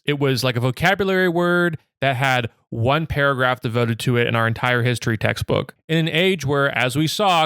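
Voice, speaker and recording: A man's voice: mid-range voice, fairly bright tone, clean tone, no room sound, clean studio sound. A young man narrating a scripted video essay, blunt and opinionated, with a sarcastic edge. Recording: faint music under the voice.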